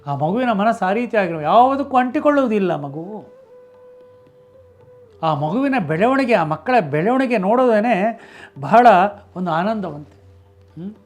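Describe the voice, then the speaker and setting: A man with a high voice tells a devotional story in a relaxed, animated, conversational way. He often breaks off a word and starts it again. Soft music plays faintly behind him. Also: moderate pace, pauses often. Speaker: religious discourse speaker.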